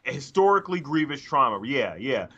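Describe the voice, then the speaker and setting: Speaking with a sing-song lilt at a moderate pace, this medium-pitched middle-aged man co-hosts a podcast in relaxed conversation, stumbling through restarts and fillers. He's indoors at home on a studio mic over a video call; the audio is dull and lo-fi, with crowd noise audible.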